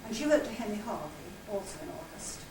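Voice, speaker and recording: Her mid-range voice swinging widely in pitch, an older woman reads quickly through narration, letters and diary extracts in a scripted presentation. She's presenting at a literary society conference in a hall, recorded with a distant mic in an echoey room with loud noise.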